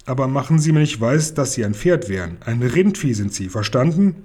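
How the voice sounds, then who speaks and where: A man voicing a grumpy, witty middle-aged uncle in a storybook, gruff and blustering. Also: medium pitch, expressive, brisk, a little mellow.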